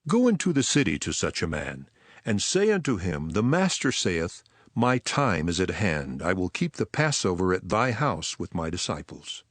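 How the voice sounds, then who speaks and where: An actor playing Jesus as a solemn, authoritative teacher in a dramatized scripture reading, with measured, weighty delivery. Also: male voice, sits low, big pitch swings, dry recording. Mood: commanding, calm. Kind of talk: dramatized scripture, archaic English. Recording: voice over prominent music.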